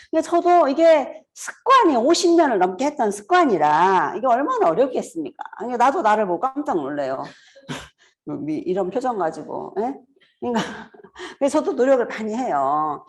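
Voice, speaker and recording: A woman in her fifties giving a casual seminar talk, animated and laughing often as she acts out greetings. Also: fairly high pitch, normal speed. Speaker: seminar speaker.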